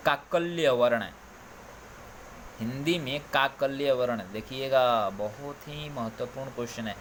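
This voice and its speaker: A man's voice: medium pitch, a little hiss or hum. A man teaching a Hindi grammar lesson, reciting letter groups and filling his speech with frequent repeated check-ins. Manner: drilling, repeats "ठीक है" often. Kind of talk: recorded coaching lesson.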